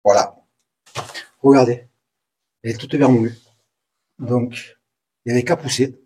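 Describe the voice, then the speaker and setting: Excitable man with a Provençal accent. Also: mid-range voice, unhurried. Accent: southern French (Provence). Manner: excitable, repeats words, drops to hushed mutters. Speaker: urban explorer vlogger. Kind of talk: exploring and narrating to camera. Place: ruins of an old abandoned building.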